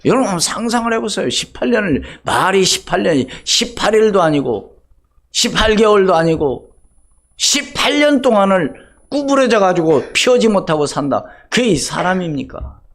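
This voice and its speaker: An older man preaching a Sunday sermon as pastor, asking the congregation rhetorical questions and swinging between loud emphasis and hushed asides. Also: high-pitched, very animated, moderate pace. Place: church sanctuary.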